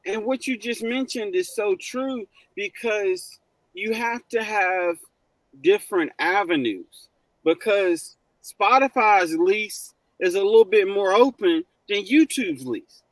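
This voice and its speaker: A man guesting on a livestream, talking in an animated, encouraging way about building yourself up. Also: sits high, slow pace, no echo, low-quality recording. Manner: lively, animated, preachy encouragement. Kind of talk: casual livestream chat.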